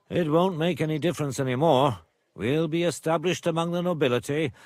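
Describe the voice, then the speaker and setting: An actor playing a proud older nobleman and father in a medieval video game, speaking gravely and formally. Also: mid-range voice, no room sound, lightly acted. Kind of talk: video game dialogue acting.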